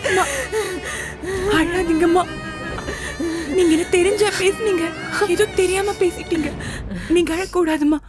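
A caring young woman pleads anxiously, over and over. Her voice is very high. Serial background music runs beneath her. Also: fairly even intonation, unhurried, pauses often. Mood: pleading. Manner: pleading, anxious, repeating "mother". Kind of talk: TV serial acting. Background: music score.

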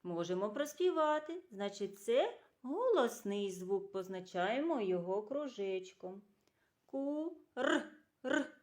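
A woman teaching a literacy lesson to young children, asking questions, praising answers and slowly drawing out sounds and syllables. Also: medium pitch, a little mellow. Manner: slow, clearly drawn-out sounds and syllables, asks questions and praises. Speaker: kindergarten teacher.

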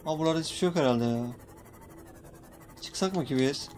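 High-voiced excitable young man gaming. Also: brisk, faint music behind. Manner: jumpy, excitable, swearing playfully at in-game creatures. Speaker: gaming YouTuber. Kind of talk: casual Let's Play commentary.

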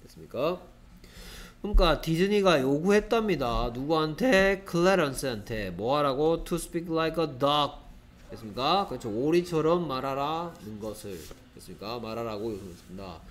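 A man teaching an English grammar lesson to students, lively and constantly checking in with rhetorical questions. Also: a little high, normal speed.

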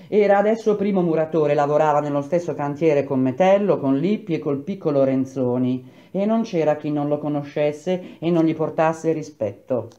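A man reading a novel aloud in a measured, even narrating voice. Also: fairly high pitch, roomy sound, lo-fi sound. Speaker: reader.

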